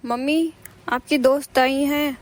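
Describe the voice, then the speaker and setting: A woman's voice: sits high, fairly even intonation, slow. A woman voicing a brash young daughter-in-law in a cartoon, lecturing and defiant. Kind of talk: animated cartoon voice acting.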